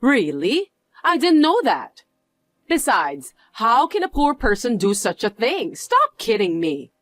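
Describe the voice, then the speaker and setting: A woman's voice: on the high side, very animated, takes it slowly, fairly bright tone, no echo, clean studio sound, heavily acted. A woman voicing a snobbish rich woman who mocks the poor in a condescending tone. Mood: defensive. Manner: condescending, mocking. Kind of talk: voiced story drama.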